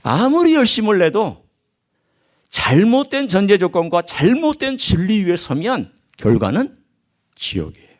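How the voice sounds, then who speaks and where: A man preaches a sermon in a church, his fairly high voice rising and falling in wide, animated swoops. He drops to a near hush, then pushes up loud for emphasis, and he plays out quoted lines as he goes. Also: unhurried. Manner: animated preaching with sharp swings from loud to hushed; acts out quoted speech and regional dialect phrases. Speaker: pastor. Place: church sanctuary.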